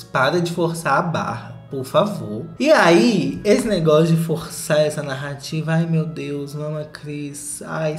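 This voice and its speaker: A man chatting through a reality show recap in a campy, sarcastic, gossipy way. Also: fairly high pitch. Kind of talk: casual gossip commentary. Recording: roomy echo, faint music.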